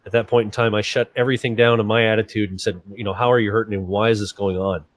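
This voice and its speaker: A man's voice: fairly low pitch, fairly even intonation, quick pace, dry recording. A man hosting a casual livestream, joking and laughing often while he rambles about fixing his computer. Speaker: livestream host. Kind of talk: casual stream chat.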